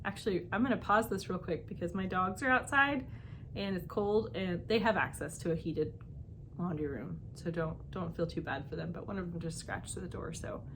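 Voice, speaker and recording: A woman's voice: on the low side, normal speed, noisy background. A woman hosting her knitting podcast at home, chatting casually and rambling with lots of fillers and asides. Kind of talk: casual chat.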